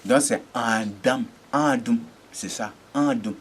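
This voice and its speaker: A man preaching a teaching sermon, halting and repeating words, often asking rhetorical checks. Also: medium pitch, slight background noise.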